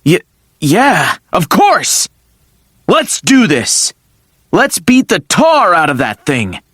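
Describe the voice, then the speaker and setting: A man voicing a loyal talking sword who acts as a mentor, speaking earnestly and excitably. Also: sits high, slow pace, breathy edge, dry recording, studio quality, voice pushed up, full character voice. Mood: excited.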